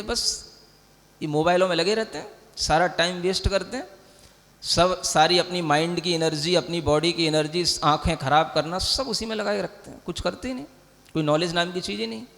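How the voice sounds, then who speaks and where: High-voiced monk preaching in a reverberant hall. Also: male voice, a bit bright. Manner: teaching, keeps asking listeners if they understand; mixes English words into Hindi speech. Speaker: Jain monk giving a discourse. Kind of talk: sermon.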